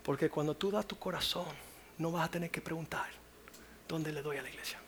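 A man preaching as a pastor, dropping to whispers and rising to loud acted quotes. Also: a little high, brisk. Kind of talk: sermon.

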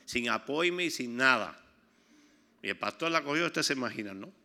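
A man's voice: mid-range voice, normal speed. An older man from Cuba with a Cuban accent, preaching a testimony and telling stories animatedly, acting out the people in them. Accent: Cuban Spanish. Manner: animated storytelling, acts out quoted people. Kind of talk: sermon testimony.

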